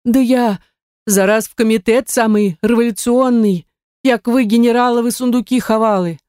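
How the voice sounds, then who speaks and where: A man's voice: very high-pitched, steady tone, moderate pace, darkish tone, clear, resonant tone, no room sound, clean studio sound, pitched above the performer's own voice. A woman doing a wailing old man. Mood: defiant. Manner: wailing, pleading. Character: frightened old man pleading for his life.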